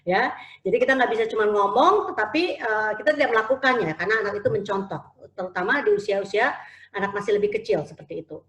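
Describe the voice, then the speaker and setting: A woman's voice: mid-range voice, fast talker, a bit bright, reverberant. A woman giving an online parenting talk over a video call, often mixing in English phrases with frequent fillers. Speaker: parenting speaker.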